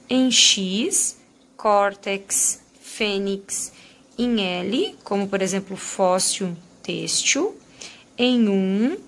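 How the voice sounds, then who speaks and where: A woman's voice: medium pitch, slight background noise. A woman teaching a grammar lesson, explaining rules step by step and stressing the example words.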